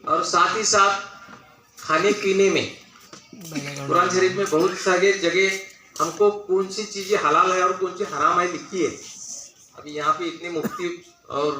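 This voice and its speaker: A man's voice: fairly high pitch, noisy background. An older man giving an earnest, anecdote-filled public speech as a guest speaker at a school function. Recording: echoey hall, voice from far off.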